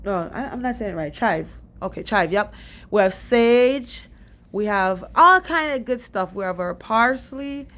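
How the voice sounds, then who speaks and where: A woman's voice: mid-range voice, animated, a bit bright. A young Jamaican woman giving a casual, rambling voice-over about her garden, stuffy and short of breath. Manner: chatty, rambling and fast-talking. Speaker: DIY gardening vlogger.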